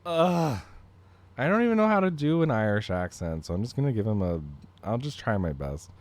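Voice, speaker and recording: Brief: jokey Canadian man streaming gameplay, swooping and animated in pitch. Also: fast talker. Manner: exasperated, jokey, expressive. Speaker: game streamer. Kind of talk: live gameplay commentary.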